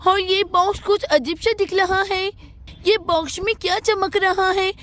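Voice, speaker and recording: A woman's voice: very high voice, steady tone, unhurried, a bit bright. A woman voicing a curious young girl. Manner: eager, curious.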